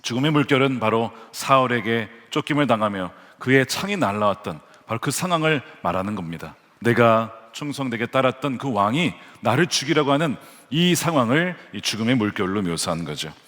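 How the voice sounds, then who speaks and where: A man's voice: mid-range voice, animated, fairly quick, few pauses, fairly bright tone. A man preaching a Sunday sermon as pastor, earnest and building to fervent emphasis when he quotes scripture. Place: large church sanctuary. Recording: long hall reverb from church sanctuary.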